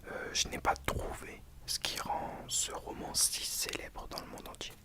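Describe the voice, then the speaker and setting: This is a book reviewer speaking to viewers entirely in a hushed library whisper. The voice is breathy and soft, with no real voicing, in an ASMR style. The delivery is hesitant, with thoughts corrected along the way. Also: unhurried.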